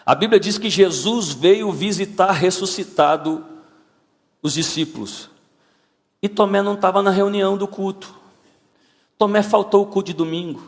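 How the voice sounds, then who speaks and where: High-voiced pastor preaching. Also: male voice, normal speed, long pauses. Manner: animated preaching with repetitions and swings to shouting. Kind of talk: sermon. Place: church auditorium. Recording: church hall reverb.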